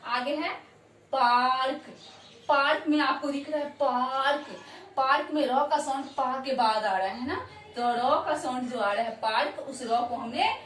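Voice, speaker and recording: A woman teaching a Hindi lesson to children, who repeats words slowly and often checks that they understand. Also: on the high side. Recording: echoey room, voice from far off.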